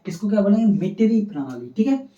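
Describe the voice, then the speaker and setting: Lecturing in a classroom, this male science teacher sounds high-pitched and mellow, speaking fast and very animatedly. He answers his own questions and keeps repeating the key terms, all captured by a far-off, muffled mic in an echoing room.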